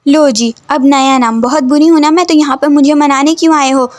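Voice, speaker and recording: A woman voicing a studious young female student in a homemade audio story, snapping and scolding. The voice is high and bright. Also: steady tone, fairly quick, close to an everyday voice. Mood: irritated. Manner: scolding and irritable.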